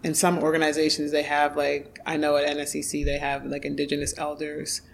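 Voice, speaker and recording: A woman's voice: sits low, completely flat delivery, fairly quick, low-quality recording. A woman speaking casually and reflectively in conversation, with unscripted phrasing. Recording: clear background noise, ambient sound.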